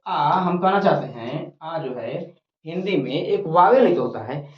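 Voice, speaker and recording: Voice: medium pitch, animated, a little slow. A teacher giving a grammar lesson at a board, repeating each point and asking and answering questions. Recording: roomy, dull lo-fi recording.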